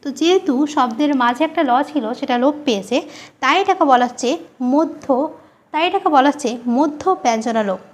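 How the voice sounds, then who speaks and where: A woman teaching a grammar lesson, repeating key terms slowly and asking questions she answers herself. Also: sits high, animated.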